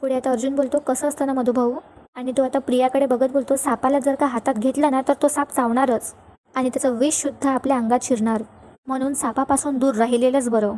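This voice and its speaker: Woman, serial recap narration, fast delivery, mellow tone. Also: sits high, fairly even intonation. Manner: retells scenes, reading characters' lines in her own voice. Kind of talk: fast storytelling recap with quoted dialogue.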